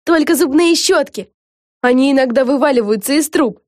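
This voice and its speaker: A woman's voice: high-pitched, normal speed, darkish tone, no room sound, clean studio sound, pitched above the performer's own voice, lightly acted. A woman voicing an eager young girl witch who is an obsessive superfan and plays pirate ship captain in an audiobook. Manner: eager, bubbly. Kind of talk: audiobook character voice.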